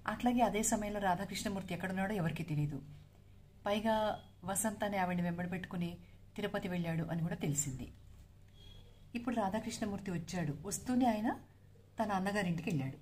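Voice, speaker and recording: A woman's voice: mid-range voice, fast talker, pauses often, a little mellow, slight background noise. A woman narrating a serialized novel, recounting the story steadily for her listeners.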